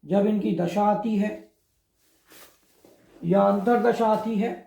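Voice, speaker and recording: A man explaining astrology in a slow, measured way, pausing often between phrases. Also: sits high, fairly even intonation, creaky, dark tone, roomy sound.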